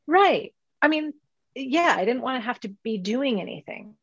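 A woman telling a story in relaxed chat, animated and quick to laugh, acting out both sides of a conversation. The sound is dry and a bit dull, like a close lo-fi recording. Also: high voice, slightly rough, no echo. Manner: animated storytelling, laughing mid-sentence, acts out quoted dialogue. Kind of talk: casual chat.

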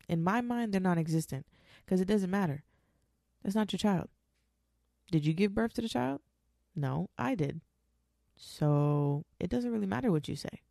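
A woman's voice: sits low, creaky, mellow, no echo, clean studio sound. A woman in her twenties, a mother speaking candidly and bluntly, swearing freely and hammering her points home. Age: 20s. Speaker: mother talking about her show. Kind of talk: candid monologue.

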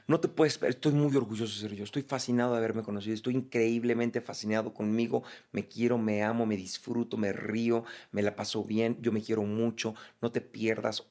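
A Mexican man speaking as an interview guest, blunt, profane and animated in candid conversation. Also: mid-range voice.

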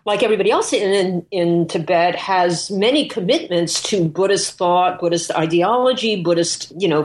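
There's slight background noise as a woman with a fairly low voice speaks as an interviewed scholar. She explains her subject off the cuff, thinking aloud and often correcting herself along the way.

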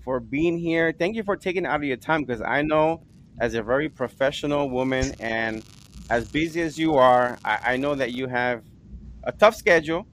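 A man's voice: mid-range voice, moderate pace, fairly bright tone, a little hiss or hum. A middle-aged man hosting a podcast, introducing his guest in a loose, repetitive way. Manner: rambling, repeats himself. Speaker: podcast host. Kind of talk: casual interview.

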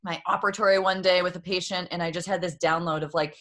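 Guesting on a podcast, a yoga therapist from Boston in her 30s shares her story in a casual interview, reflective and open, with frequent laughter. She speaks quickly in a lowish, slightly bright voice with fairly even intonation.

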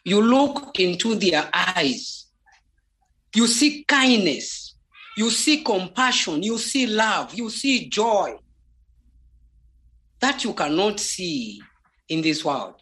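A very animated, somewhat bright mid-range voice belongs to a native Bemba speaker with a Zambian accent. Sharing a personal spiritual testimony, the speaker goes haltingly and deliberately, repeating words to stress them.

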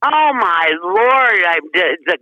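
Lady promoter phoning in, very bright tinny speakerphone sound, chatty, laughs a lot. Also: mid-range voice, expressive, takes it slowly, dry recording. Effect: heard over a speakerphone call. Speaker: race track promoter calling in. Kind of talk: phone-in interview.

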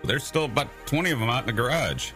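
A man's voice: medium pitch, animated, fast, music in the background. A man hosting a talk show, wrapping up an interview and trading dry jokes with his co-host. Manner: dry, joking. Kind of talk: casual talk show chat.

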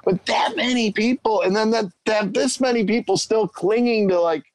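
A man's voice: high-pitched, moderate pace, no echo. A man chatting on a group video call from his phone, rambling and laughing as he talks.

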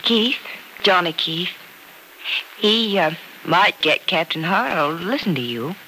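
Bright, playful radio-drama secretary. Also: female voice, lowish voice, lively intonation, a little slow, poor audio. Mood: coy, playful. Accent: American. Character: playful, knowing young secretary. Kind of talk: old-time radio drama acting. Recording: old radio recording, faint noise.

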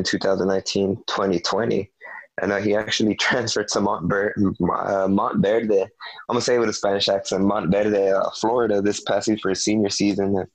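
A young man co-hosting a casual sports podcast, talking in a halting way with many fillers and restarts. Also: fairly low pitch, no echo, poor audio. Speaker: podcast co-host.

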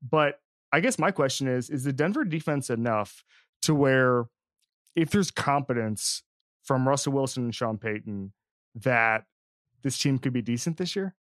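A man's voice: mid-range voice, animated, a little slow, no echo, clean studio sound. A man hosting a sports podcast in a casual, rambling way, with frequent restarts and asides. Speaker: podcast host.

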